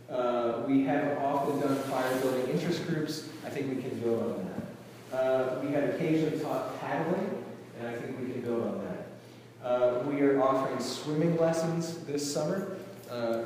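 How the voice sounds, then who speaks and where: A man's voice: mid-range voice, unhurried, darkish tone, a little hiss or hum. Man, middle-aged, camp director speech, hesitant with fillers, distant mic, long hall reverb. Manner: hesitant, many fillers and restarts. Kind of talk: speech to an audience. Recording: roomy hall, distant mic, faint ambience.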